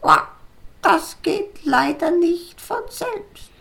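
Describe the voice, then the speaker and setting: A woman's voice: extremely high pitch, expressive, very slow, gravelly, fairly bright tone, heavily acted. A woman voicing a moody female frog with a headache who groans and quacks between her sentences in a children's audio story. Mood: wistful.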